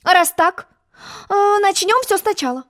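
A woman voicing a pompous, boastful egg-shaped male character in a storybook reading, haughty and quick to take offense. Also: high-pitched, very animated, voice pushed up.

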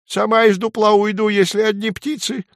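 A man voicing a sly, sleepy female garden dormouse in a storybook reading, squeaky and teasing. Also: flat delivery, moderate pace, no echo, clean studio sound. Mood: teasing, cheeky.

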